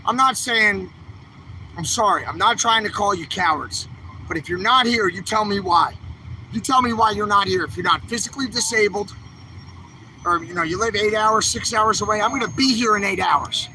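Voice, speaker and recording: A man's voice: sits high, moderate pace, pushed and bright, slight background noise, poor audio. A man filming on a phone outdoors on a city street, delivering an impassioned, angry livestream rant full of repeated calls to action. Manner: fiery, repetitive, angry exhortation. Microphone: handheld phone camera.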